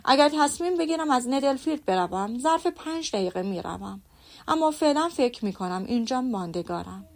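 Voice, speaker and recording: Woman reading a breezy young gentleman, cheerful, agreeable, audiobook. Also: a little high, lively intonation.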